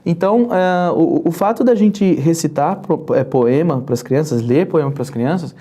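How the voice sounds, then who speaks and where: A podcast host with a mellow, darker tone speaks in a halting way, full of fillers and restarts. The host leads the guest along with careful questions. The pitch sits in the middle range. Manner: hesitant, many fillers and restarts, asks guided questions. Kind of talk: conversational podcast interview.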